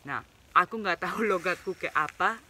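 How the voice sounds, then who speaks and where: Talking to his viewers in casual Indonesian peppered with slang, a Spanish vlogger whose native languages are Spanish and Basque speaks with a mixed foreign accent. His high voice is bright and forceful at a moderate pace, with slight background noise.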